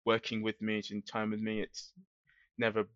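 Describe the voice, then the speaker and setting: A man speaking softly and hesitantly with many fillers, a podcast guest in casual discussion. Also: lowish voice, completely flat delivery, normal speed, no echo. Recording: dull, dry lo-fi sound.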